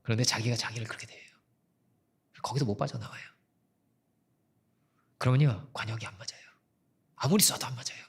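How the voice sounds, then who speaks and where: Pastor preaching with gravelly, husky, lively voice. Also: male voice, mid-range voice, brisk, long pauses. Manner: conversational storytelling, quoting people and God in soft asides. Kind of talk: sermon.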